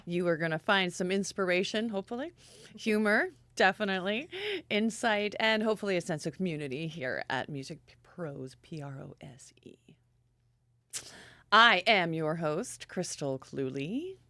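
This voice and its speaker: A woman's voice: on the low side, lively intonation, normal speed, bright, forceful tone, no echo. A middle-aged woman hosting a casual podcast chat in a studio, bubbly and laughing often. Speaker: podcast host.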